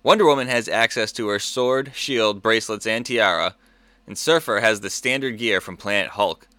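A man's voice: lowish voice, moderate pace, bright, forceful tone, no echo. A man hosting a podcast with theatrical, grandiose show announcing in the manner of a ringmaster. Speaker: podcast host.

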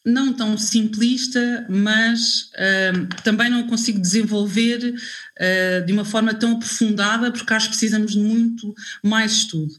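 A woman's voice: a little high, steady tone, moderate pace, a bit bright. Hesitant woman. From Angola. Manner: hesitant, searching for words with many fillers. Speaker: panel speaker. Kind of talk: panel discussion.

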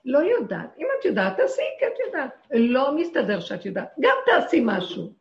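A woman gives a passionate religious talk, her fairly high voice edged with gravelly fry. She presses her listeners with rhetorical questions and shouts out quoted lines. The recording is dull and lo-fi, in a roomy, echoing space. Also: huge pitch swings. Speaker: spiritual teacher. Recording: echoey lo-fi room recording.

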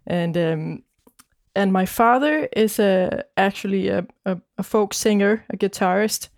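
A woman from Denmark, a guest musician in an interview, speaking thoughtfully with frequent pauses and fillers. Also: mid-range voice, darkish tone, no room sound, studio quality. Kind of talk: casual interview chat.

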